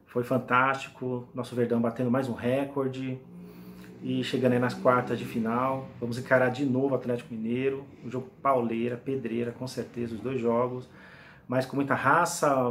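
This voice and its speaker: A man in his forties, a football fan vlogger from Brazil, chatting to camera in a small room, enthusiastic and rambling with many restarts. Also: mid-range voice. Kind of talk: casual fan commentary to camera.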